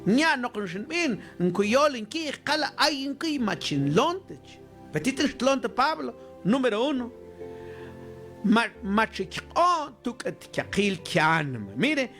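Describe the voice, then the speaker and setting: With music in the background, a preacher who speaks Mam exhorts his congregation on scripture at a slow pace. His pitch rises and falls in lively swings, and he blends Spanish with a Mayan language.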